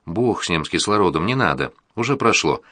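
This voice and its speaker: A man doing a breathless, gentle heart patient. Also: deep voice, expressive, a little fast, no room sound, full character voice. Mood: calm. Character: male heart patient, calm and short of breath.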